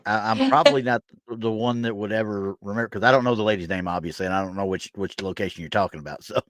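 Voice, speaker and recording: A man's voice: on the low side, quick pace, a bit bright, no echo. A man co-hosting a podcast who chats casually, agreeing often and teasing his co-host. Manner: supportive, teasing back-and-forth with frequent agreement. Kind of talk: casual chat.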